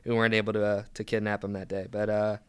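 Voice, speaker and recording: A man's voice: on the low side, flat delivery, quick pace, clean tone, no echo. A young man from Philadelphia, a podcast guest chatting casually with lots of "um"s and restarts. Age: young adult. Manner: easygoing, many "um"s and restarts. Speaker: guest, pro soccer player.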